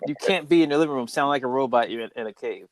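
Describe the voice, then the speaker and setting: A man's voice: medium pitch, rapid-fire, no echo. A man hosting a podcast in casual chat, exclaiming and thinking aloud with restarts. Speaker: podcast host.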